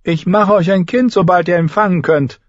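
Cruel teenage boy king, read by a man: high, loud, sneering, commanding; dry storybook narration. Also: moderate pace, no room sound, lo-fi sound, close to an everyday voice. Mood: sneering, bullying.

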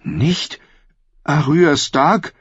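Man doing high, pleading young woman knight, awkward and earnest, low-fi dry read. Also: expressive, measured pace, breathy edge, no room sound. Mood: shocked, insistent. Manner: pleading, insistent questions. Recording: dry, slightly dull studio audio.

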